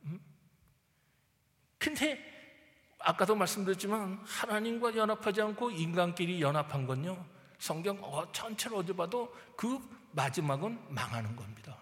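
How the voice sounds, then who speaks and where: A man's voice: sits high, expressive, normal speed, a bit bright, long reverb tail. A male pastor preaching a sermon emphatically, prodding his listeners with rhetorical questions and acting out Bible figures. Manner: acts out Bible figures in quoted speech.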